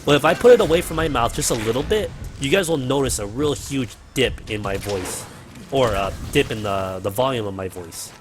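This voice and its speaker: A man hosts a gaming livestream from his home apartment, chatting casually and rambling with fillers and the occasional swear word, his cheap mic close to his mouth. His medium-pitched voice is expressive and brisk, with soft music in the background.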